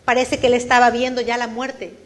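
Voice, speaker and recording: High-voiced woman preaching earnestly. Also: little pitch movement, fairly quick. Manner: earnest, questioning the listener directly; repeats and restarts phrases as she preaches. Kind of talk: Spanish-language sermon. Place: church service.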